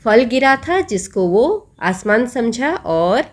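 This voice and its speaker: Slow, patient woman teacher. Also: a little high, very animated. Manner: patient, asks children questions and answers them. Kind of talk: explaining a children's textbook story.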